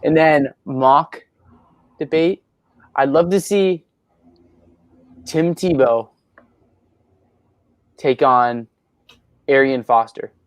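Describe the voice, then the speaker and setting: Reading out questions from his livestream audience, the nineteen-year-old host stays upbeat and teasing and laughs frequently while chatting casually at his rural home. He draws out his words and pauses often in a medium-pitched voice, and the recording is clean, with no echo.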